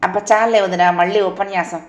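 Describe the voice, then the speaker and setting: A woman's voice: mid-range voice, fairly even intonation, fairly quick, roomy sound, lo-fi sound, close to an everyday voice. A woman voicing an impatient, dismissive young husband in an audio story, scoffing as he speaks. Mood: irritated.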